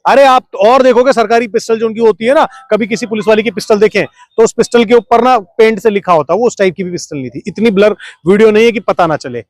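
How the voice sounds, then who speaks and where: A man being interviewed, arguing his point forcefully and firing off rhetorical questions while refusing to be cut off. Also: high-pitched, fast talker, few pauses, no echo, studio quality. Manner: argumentative, fires rhetorical questions, keeps talking over interruptions. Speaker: interview guest. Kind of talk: heated political interview.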